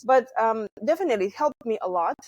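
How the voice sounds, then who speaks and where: Her voice is a little high and quick as this Lithuanian stress coach in her forties, accented and animated, recounts her story in a podcast interview with laughter and performed quotes. There's no echo, but the highs are cut off.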